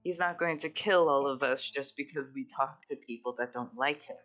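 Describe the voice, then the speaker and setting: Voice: medium pitch, moderate pace, a bit bright, soft background music. A game master running a live tabletop game in a casual, chatty way, switching between narration and in-character lines.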